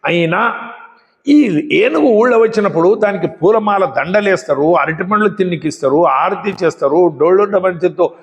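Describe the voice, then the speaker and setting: A man's voice: high-pitched, lively intonation, normal speed, long reverb tail. A man voicing an envious, grumbling village dog. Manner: grumbling, self-justifying.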